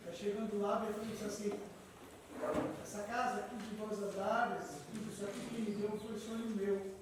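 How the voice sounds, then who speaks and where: A man's voice: sits high, level tone, normal speed. A man in the audience adding a remark, telling a short anecdote in a conversational way. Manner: conversational storytelling, brief restarts. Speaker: audience member. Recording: echoey hall, distant mic, background noise.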